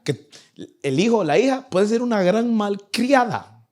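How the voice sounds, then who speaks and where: A young man preaching a sermon to his church, animated and acting out the people in his stories. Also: sits high, unhurried. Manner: animated, acts out nagging parents in a raised voice. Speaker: pastor. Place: church in Vancouver.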